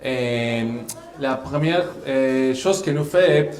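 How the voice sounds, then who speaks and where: A man with a Spanish accent and halting, non-native French, answering as a guest in a live radio interview. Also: medium pitch, darkish tone. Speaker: interview guest, deputy consul. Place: live event venue with an audience. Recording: echoey room.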